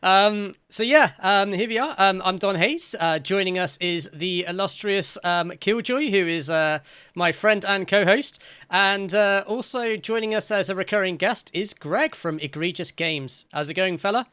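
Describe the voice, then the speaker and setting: A man's voice: high-pitched, unhurried, pushed and bright, clean tone. A man with a West Country accent, hosting and opening a casual gaming chat show from home over a video call, chatty with lots of fillers. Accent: West Country English. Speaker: host.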